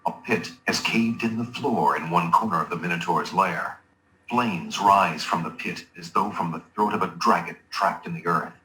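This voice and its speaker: An actor giving scripted narration for a fantasy adventure game, measured, solemn and dramatic. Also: male voice, deep voice, sharp tone, roomy sound, poor audio. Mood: ominous.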